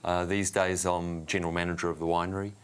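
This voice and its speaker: A man with a New Zealand accent, an interview guest explaining and storytelling conversationally in halting, unhurried short phrases. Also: low voice, little pitch movement, smooth. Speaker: winery general manager, interview guest.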